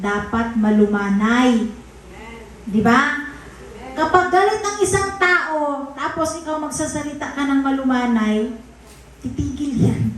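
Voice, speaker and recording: A woman pastor from the Visayas preaches in a high, unhurried voice, talking with her congregation and teasing them. She is heard in a large church hall full of echo. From Visayas, Philippines. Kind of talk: conversational sermon.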